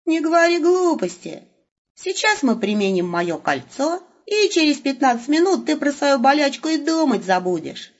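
Woman playing a blunt, gruff Wolf. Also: sits high, big pitch swings, pitched above the performer's own voice. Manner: blunt, gruff, quick-tempered. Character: blunt, grumpy young male companion called the Wolf. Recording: muffled lo-fi recording.

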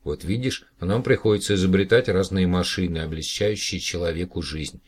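A man's voice: sits low, brisk, slightly rough. A man voicing a friendly young woman who works with computers in an audiobook. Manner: gentle, lightly amused.

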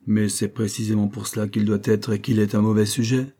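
A jovial, bluff father who teases in a low, mellow voice, as a male reader plays him. His tone is warm and easygoing. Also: level tone, a little fast, natural voice. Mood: teasing. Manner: jovial, teasing. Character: bluff teasing middle-aged father.

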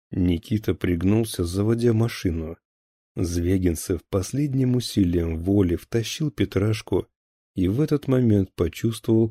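Male narrator, thriller audiobook, steady delivery, husky tone, dry recording. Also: lowish voice, dry recording.

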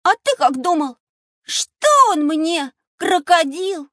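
A woman voicing a dreamy, wistful little lion cub in an audio drama, in a high childlike singsong. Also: takes it slowly, no room sound, clean studio sound. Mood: defiant.

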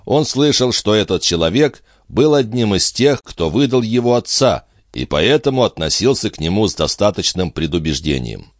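A man narrating an audiobook in expressive storytelling manner. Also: on the low side, normal speed, hardly any pauses, no room sound, studio quality.

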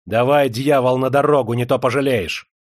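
Man doing harsh young heir, loud, barking, menacing, raised pitch. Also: normal speed, dry recording, clean studio sound, natural voice. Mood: furious.

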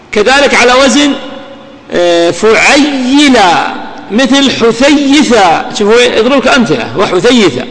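A male grammar teacher giving a classroom lesson, quizzing his class and repeating key words slowly. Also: extremely high pitch, pushed and bright. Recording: reverberant hall with long echo.

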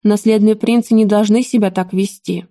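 An anxious, imperious queen mother, voiced by a woman reading an audiobook, with a soft, mellow tone in a dry, close recording. She gives orders in a firm voice and quickly turns to fearful lament. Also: mid-range voice, fairly even intonation, dry recording, lightly acted. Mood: commanding. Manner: commanding, then alarmed and wailing. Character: stern royal mother, anxious and fussy.

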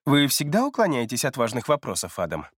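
Raised-voice female therapist, level and knowing, quietly provocative, put on by a male reader; dry, close audiobook read. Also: medium pitch, huge pitch swings, a little fast, husky, dry recording. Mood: cool, probing. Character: calm, probing female therapist, middle-aged.

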